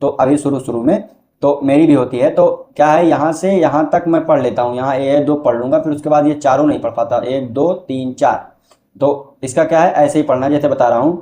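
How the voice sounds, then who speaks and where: A man explaining step by step how to recite devotional verses in a casual teaching style, breaking into slow melodic chanting. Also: mid-range voice, dark tone.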